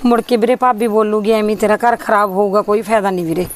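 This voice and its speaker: An actress playing a gentle married sister who plays down how badly she was treated. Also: mid-range voice, fairly even intonation, quick pace, natural voice. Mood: evasive. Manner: soft, self-effacing, polite. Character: meek young married sister, tearful and gentle. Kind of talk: amateur short-film acting.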